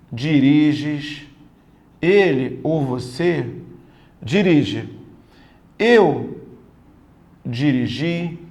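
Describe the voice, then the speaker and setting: A man's voice: high-pitched, darkish tone. A man teaching a grammar lesson for exam prep in a casual, slangy way, often checking in with his students.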